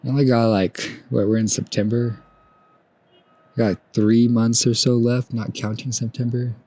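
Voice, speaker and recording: A man in his twenties hosting a solo podcast, talking through his feelings outdoors at sunrise in a soft, musing way that trails off and restarts. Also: mid-range voice, level tone, normal speed. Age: 20s. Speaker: podcast host. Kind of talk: reflective solo podcast monologue.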